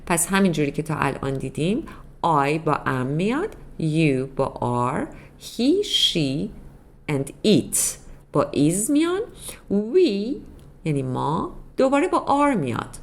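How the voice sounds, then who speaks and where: A woman's voice: lowish voice, wildly swooping pitch. A woman teaching a beginner English grammar lesson in Persian, patiently explaining step by step and repeating examples. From Iran.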